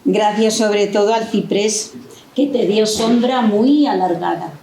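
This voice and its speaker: An actress playing a novelist's affectionate wife, reminiscing in a playful, teasing way. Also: female voice, medium pitch, a little slow, vocal fry, mellow. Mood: teasing, fond. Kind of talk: staged reading in a stage tribute. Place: university auditorium. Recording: roomy hall echo.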